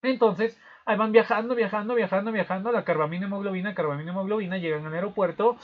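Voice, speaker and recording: A man's voice: high-pitched, quick pace. A male teacher giving a physiology review, explaining with playful storytelling and frequent tag questions. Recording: dull lo-fi recording.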